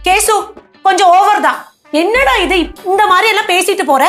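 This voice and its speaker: A woman's voice: extremely high pitch, brisk, a bit bright, soft background music. An actress playing a coaxing, worried female relative in a TV sitcom. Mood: pleading. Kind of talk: TV sitcom acting.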